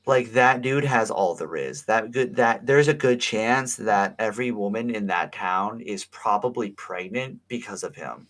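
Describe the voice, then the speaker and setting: A man's voice: fairly low pitch, a little slow, few pauses, fairly bright tone. A man chatting and joking animatedly as a podcast host, laughing often. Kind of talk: casual chat.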